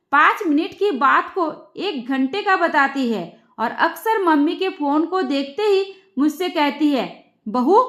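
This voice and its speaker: A crafty young daughter-in-law, put on by a woman narrator in a storybook telling. She talks in a sugary, falsely innocent way and keeps a quiet sting in her words. Her voice sits very high, and the room around it echoes. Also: exaggerated voice. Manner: feigned innocence, sweetly pointed. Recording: roomy echo.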